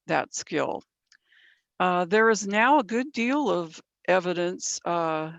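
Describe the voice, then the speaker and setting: A fairly low-pitched woman from San Bernardino County, California, presents a mentoring training session step by step, often checking with "right?" while her slightly worn voice gives out. The recording is muffled, with no room sound.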